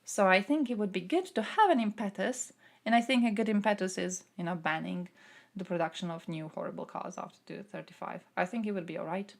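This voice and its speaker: A woman's voice: mid-range voice, brisk, vocal fry. A young woman from Croatia who streams and answers chat, talking through politics in a casual way, thinking aloud with fillers.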